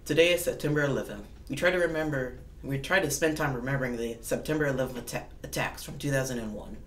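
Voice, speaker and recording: A man's voice: medium pitch, fast. Man reading school announcements over the intercom, roomy and far off. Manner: formal, reads with occasional restarts. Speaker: school morning announcements host. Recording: echoey and distant with faint noise.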